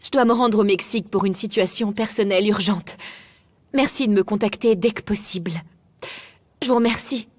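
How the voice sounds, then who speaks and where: A woman's voice: mid-range voice, moderate pace, a little mellow, natural voice. An actress dubbing a woman who leaves a polite, formal voicemail about an urgent matter. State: leaving a voicemail. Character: grown woman calling for urgent help. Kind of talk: dubbed TV drama.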